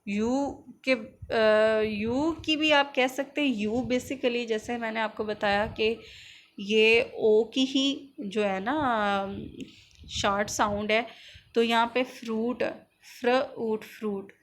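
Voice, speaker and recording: A woman teaching a phonics lesson, slowly sounding out letters and words one by one. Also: on the high side, steady tone.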